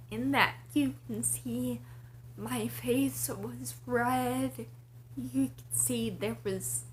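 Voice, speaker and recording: A woman vlogger with breathy, airy starts to her words, talking casually in slow, halting, short broken phrases. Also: a little high, a little hiss or hum. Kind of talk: casual personal vlog to camera.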